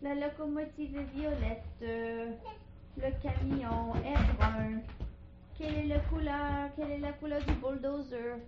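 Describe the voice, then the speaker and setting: Mother, high coaxing sing-song baby talk, unhurried; echoey, dull home-video sound. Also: fairly even intonation, heavy background noise. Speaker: parent talking to a toddler.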